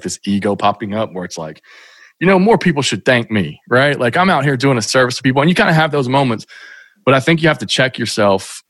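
Low-voiced man telling stories, dry sound. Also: no room sound. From Kentucky, USA. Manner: rambling, many restarts and fillers. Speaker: podcast guest, sports podcaster. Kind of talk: casual interview storytelling.

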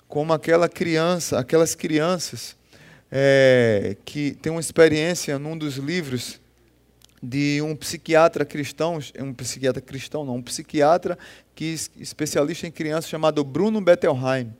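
A man preaching a sermon, impassioned, swelling and dropping in loudness and acting out voices as he tells stories. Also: fairly high pitch, measured pace. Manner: impassioned, rising and falling in loudness; acts out quoted voices in storytelling.

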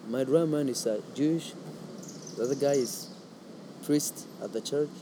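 A man from Somalia, a musician being interviewed, speaking softly with frequent pauses and restarts. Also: medium pitch, noisy background. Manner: soft-spoken, halting, with frequent ums and repeats. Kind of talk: casual conversation.

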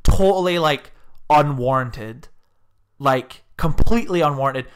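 A young man co-hosting a podcast in casual chat, animated and swearing often as he acts out the people in his stories. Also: fairly high pitch, a little slow, clean tone. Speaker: podcast co-host.

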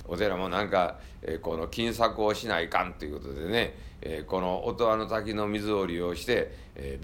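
A man's voice: lowish voice, fairly bright tone. A man with a Kansai accent, a temple monk giving a joking, folksy talk to a tour group.

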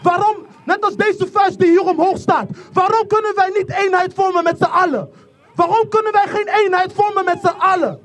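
A speaker from the Netherlands giving an impassioned protest speech outdoors, repeating lines and rising into shouts. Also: extremely high pitch, fairly even intonation, normal speed. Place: outdoor protest rally in rain. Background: faint crowd.

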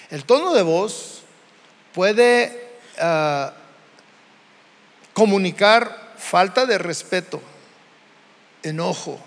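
A Mexican pastor preaches slowly and deliberately, his voice sitting high for a man. The sound carries a long reverb from the church hall around him. He shifts his tone again and again to make his points. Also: fairly bright tone. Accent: Mexican Spanish. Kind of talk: sermon.

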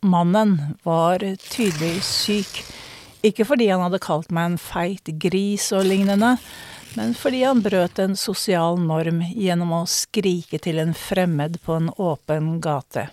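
A middle-aged woman from Norway, a storyteller telling a personal episode and an old tale in a measured, reflective way. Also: on the low side, darkish tone, slight background noise. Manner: measured, reflective, with drawn-out dramatic words. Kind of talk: spoken storytelling performance.

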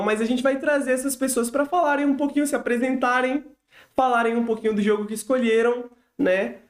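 A man with a Brazilian accent and a smoker's rasp hosts a casual live podcast monologue, with a playfully mock-grandiose manner. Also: sits high. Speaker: podcast host.

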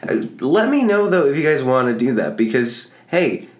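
A man's voice: mid-range voice, very animated, normal speed, echoey room. A man co-hosting a podcast in casual chat, teasing, jokey and often cutting in. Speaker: podcast co-host.

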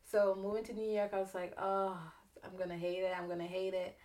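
A young woman from Antigua with a Caribbean accent, a musician guest in a casual interview, chatty and quick to laugh as she acts out her stories. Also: mid-range voice, level tone, darkish tone.

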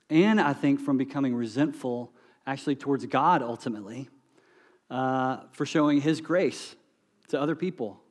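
A male pastor delivers a sermon in a voice of ordinary middle pitch. He preaches earnestly, swelling to emphatic, louder lines and then falling back to quiet, soft phrases.

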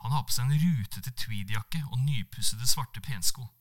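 A man, a podcast co-host, reading his own comic story aloud in a dry, understated narration. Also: mid-range voice.

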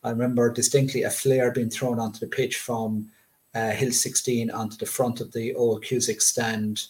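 A middle-aged Irishman from Limerick speaks in a west of Ireland accent. His pitch moves little as he reminisces about sport, laying out details in a measured, conversational way. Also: little pitch movement, a little mellow.

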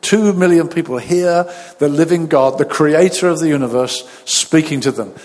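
A man, a pastor at a pulpit microphone, reading scripture, praying and preaching in a measured, deliberate way. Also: a little high. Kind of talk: sermon with scripture reading and prayer. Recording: long reverb of a large hall.

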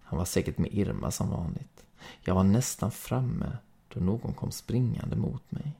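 A man with a Swedish accent reading a story aloud in calm, steady first-person narration. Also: on the low side, vocal fry, slightly rough. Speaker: podcast reader.

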